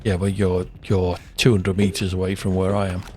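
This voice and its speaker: A man's voice: low-pitched, completely flat delivery, normal speed, a little mellow. A man streaming a co-op game, chatting casually and often trailing off mid-sentence. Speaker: streamer playing co-op. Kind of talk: casual gaming chat.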